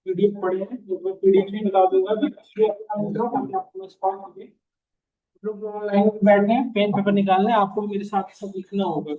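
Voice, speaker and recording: Male teacher, highish voice, dictates notes slow and repeats stuff, hindi with english bits. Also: flat delivery, phone-quality sound. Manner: mixes Hindi with English phrases, repeats key lines while dictating. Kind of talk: classroom lecture. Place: classroom with online students.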